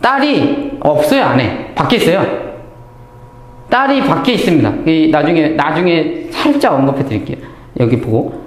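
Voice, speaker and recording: A man teaches a Bible lesson in a high, sweeping voice. He keeps asking himself questions and answering them, and acts out the lines he quotes. The room is echoey. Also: moderate pace. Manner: animated, asks and answers his own questions, acts out quoted speech. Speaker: Bible lecturer. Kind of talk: Bible study lecture.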